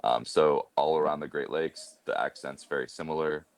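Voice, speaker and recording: A Canadian man in his thirties with a Midwestern accent chats casually as a guest, thinking aloud with plenty of hesitant fillers. His very deep voice is steady at normal speed, with slight background noise in the recording.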